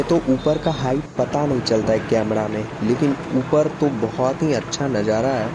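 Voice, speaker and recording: Male travel vlogger, mid-range voice, narrating from a bus on a mountain road, clear rumble of traffic underneath. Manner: chatty, enthusiastic about scenery, addresses viewers. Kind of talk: casual travel vlog narration. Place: inside a moving bus on a foggy mountain road. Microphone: handheld camera by the bus window. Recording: clear vehicle noise behind. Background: bus engine and road noise.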